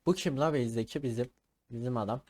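A man's voice: mid-range voice, fast, darkish tone. A man giving casual gaming commentary, teasing and trash-talking his opponents playfully as he plays. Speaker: gaming video creator.

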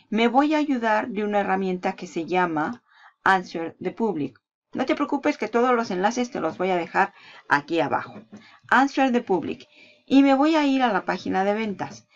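Gravelly-voiced woman teaching onscreen steps. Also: medium pitch. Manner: walks through steps while clicking, asks and answers her own questions. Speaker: online marketing tutor. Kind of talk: screen-recorded tutorial. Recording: dull lo-fi sound.

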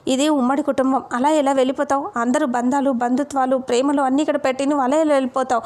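A young man lecturing his brother about family unity, as a woman narrator reads him. The voice stays high and fast, with little rise and fall. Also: fairly even intonation, darkish tone, natural voice. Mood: rebuking. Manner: rebuking.

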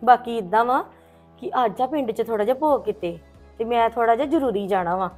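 Woman doing a calm sister-in-law in a family drama vlog, highish voice, reassuring but scolds a bit. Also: brisk, faint music behind, lightly acted. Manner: steady, reassuring, gently scolding. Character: calm sister-in-law who hosts and advises. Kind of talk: hobby village family drama.

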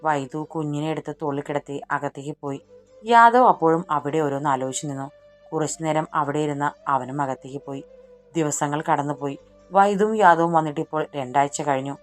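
A woman narrating a romantic story audiobook in steady scripted narration. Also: low voice.

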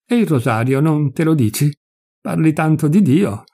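A man's voice: fairly high pitch, animated, moderate pace, mellow. A man voicing a timid, hesitant older man who keeps birds and is easily bewildered.

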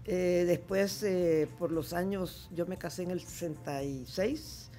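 A woman's voice: lowish voice, measured pace, mellow, soft background music. A Salvadoran woman in her seventies, a guest artist chatting candidly in a radio studio interview. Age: 70s. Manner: candid, chatty, laughs easily. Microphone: studio microphone with headphones.

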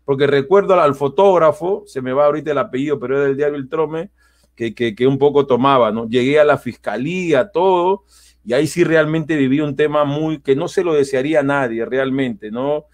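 A man, telling a personal story in casual chat, animated and acting out quotes with many restarts. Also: medium pitch, fairly quick. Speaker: guest.

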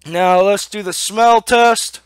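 A young man giving a casual, halting review to camera on a headset mic, talking with a lip full of dip. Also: sits high, smooth. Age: young adult. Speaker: amateur product reviewer. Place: small room at home. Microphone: headset microphone.

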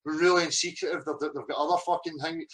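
A man's voice: on the high side, fairly even intonation, fairly quick, a bit bright, low-quality recording. A man ranting to camera in a heated, confrontational way, swearing constantly. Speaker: vlogger. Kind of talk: angry rant to camera.

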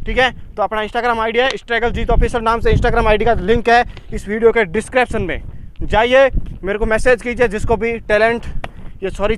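Energetic young man, high voice, outdoors. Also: a little hiss or hum. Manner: energetic, direct address to viewers. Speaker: fitness vlogger. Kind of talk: casual vlog talk to camera. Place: outdoor desert gym, open air.

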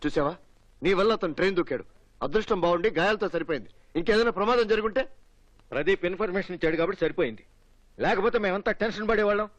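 An actor playing a fussy middle-aged father who scolds in a rapid, fretful way. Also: high voice, lo-fi sound, close to an everyday voice. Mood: scolding.

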